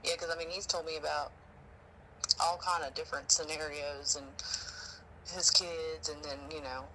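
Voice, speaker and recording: Bright, talkative man on a phone call. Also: fairly high pitch, level tone, normal speed, slight background noise. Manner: talkative, rambling and emotional. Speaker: witness. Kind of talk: casual phone conversation.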